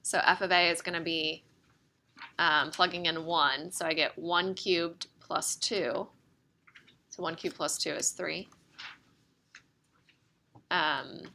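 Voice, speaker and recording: A woman with a low, creaky voice that sounds pushed and bright teaches math, walking the class through each step and often checking in with "right?" Her voice is slightly worn, as if she's losing it, and there's a little background noise.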